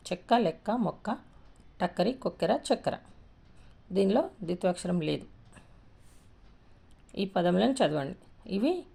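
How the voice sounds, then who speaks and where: A woman teacher leads a lesson in a warm, mellow voice. She reads words out slowly, drawing each syllable out clearly, then explains them in a steady classroom tone. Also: mid-range voice. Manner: slow, drawn-out syllable-by-syllable word reading. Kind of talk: Telugu grammar lesson, reading words aloud.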